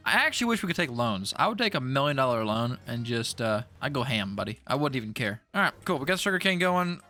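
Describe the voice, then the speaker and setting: A young man talks through his farming game in a loose, rambling way, tripping over repeated words. His voice is bright and a little high for a man, and he sounds jittery from an energy drink. Soft music runs under his voice. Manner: rambling, stuttery, self-talk with repeated words. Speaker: gaming YouTuber. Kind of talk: casual gameplay commentary.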